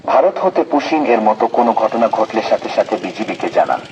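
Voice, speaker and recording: A man making a formal public announcement from the border guard over an outdoor loudspeaker in a measured, official tone. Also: on the low side, lively intonation. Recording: dull lo-fi loudspeaker sound, faint noise.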